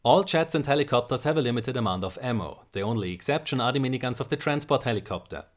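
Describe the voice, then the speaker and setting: A gaming channel host delivers scripted commentary on game design, explaining in a measured, methodical way. His medium-pitched voice has lively intonation.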